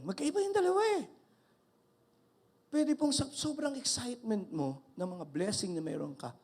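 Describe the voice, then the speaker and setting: An older male pastor with a husky voice that sits high preaches an animated sermon. He mixes Tagalog and English and calls out to his congregation.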